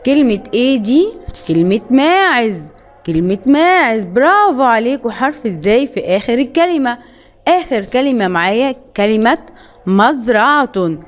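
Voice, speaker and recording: A woman's voice: fairly high pitch, a little mellow. Egyptian woman teaching young children. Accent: Egyptian Arabic. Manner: slow, drawn-out sounding of letters and words. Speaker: kindergarten teacher. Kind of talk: children's phonics lesson.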